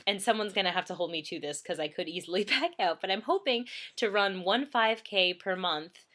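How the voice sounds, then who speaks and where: A young woman in her twenties chats from bed in her bedroom for a vlog, sounding a little congested and filling her speech with ums and small laughs. She talks fairly quickly in a mid-range voice with a fairly bright tone.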